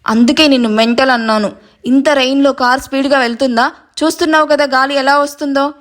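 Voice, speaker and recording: A woman's voice: high voice, fairly even intonation, a little fast, close to an everyday voice. A woman voicing a curt, teasing young man in a spoken storybook. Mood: scolding. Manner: curt and mocking.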